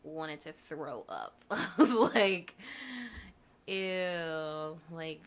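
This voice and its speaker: A woman's voice: low-pitched, takes it slowly. A young woman as a podcast guest, chatting casually, laughing often and telling heated stories with plenty of swearing. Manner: expressive, laughs often, profane storytelling. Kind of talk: casual chat.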